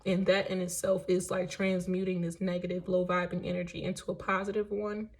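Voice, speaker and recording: A woman's voice: on the low side, flat delivery, brisk. Woman doing a tarot reading, casual and emphatic, swears a bit, keeps saying right? okay?. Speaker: tarot reader.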